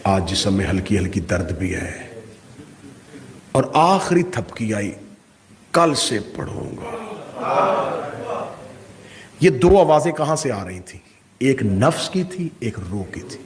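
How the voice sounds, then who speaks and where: A man's voice: lowish voice, sing-song. A middle-aged man preaching a sermon to a gathering, impassioned and full of rhetorical questions. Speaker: Shia cleric giving a majlis.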